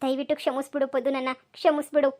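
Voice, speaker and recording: A woman's voice: sits high, level tone, quick pace, a little mellow, close to an everyday voice. A woman voicing a pleading old village mother-in-law. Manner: pleading, self-reproaching. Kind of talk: cartoon voice acting.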